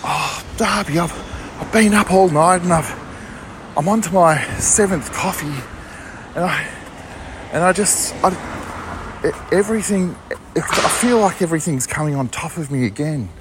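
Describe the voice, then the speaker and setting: A man's voice: fairly high pitch, moderate pace, pauses often, noisy background, voice pushed up, natural voice. A man voicing a frazzled, chatty older Australian mother who stammers and fusses, spoken into a phone. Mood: flustered. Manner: stammering, restarts, fussy repetition.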